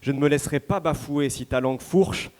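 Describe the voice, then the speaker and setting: A man's voice: on the high side, fairly quick, darkish tone, close to an everyday voice. A man playing a haughty sing-song rival poet. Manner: sing-song, theatrical verse.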